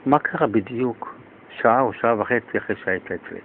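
Guy hosting a radio interview, excitable storyteller, dull lo-fi sound, mid pitch. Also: slight background noise. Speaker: radio host.

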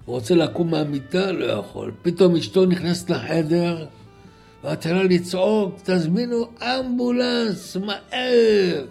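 Gravelly dramatic male preacher. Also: fairly high pitch, faint music behind. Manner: dramatic, acts out voices and shouts. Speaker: religious storyteller. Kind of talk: spoken sermon story.

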